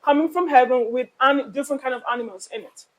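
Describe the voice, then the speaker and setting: A woman's voice: high voice, brisk. A woman interpreting a sermon live, relaying the preacher's words in the third person with the odd filler.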